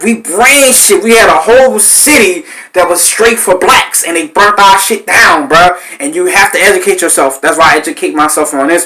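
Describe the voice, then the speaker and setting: A man, hosting a podcast and telling stories in a loose, animated way, cursing and acting out voices. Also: a little high, rough recording. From New Orleans, Louisiana. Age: 30s. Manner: animated, swearing, acts out voices in his stories. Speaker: podcast host. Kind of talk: casual storytelling.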